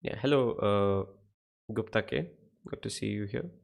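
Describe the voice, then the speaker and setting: A young man with an Indian English accent coaches chess on a livestream, explaining positions, quizzing viewers and greeting the chat by name. His voice is lowish with vocal fry, and he keeps a measured pace.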